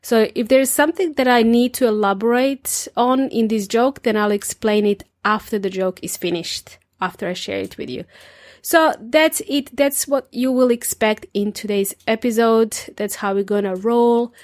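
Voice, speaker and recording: A woman's voice: fairly high pitch, normal speed, a little mellow, no room sound, studio quality. A woman hosting an informal podcast for English learners, chatting directly to listeners and explaining things simply. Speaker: podcast host and English teacher.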